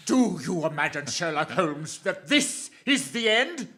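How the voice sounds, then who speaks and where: A man's voice: high-pitched, big pitch swings, measured pace, sharp tone, full character voice. A man playing a defiant, villainous criminal professor in a radio drama, snarling and declamatory. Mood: furious, defiant. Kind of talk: melodramatic radio drama acting.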